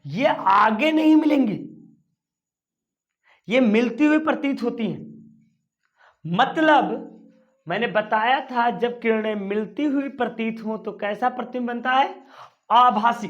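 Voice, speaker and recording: A man's voice: very high-pitched, fairly bright tone. A male physics teacher lecturing at a board, coaxing students with questions that he answers himself. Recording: dull lo-fi recording.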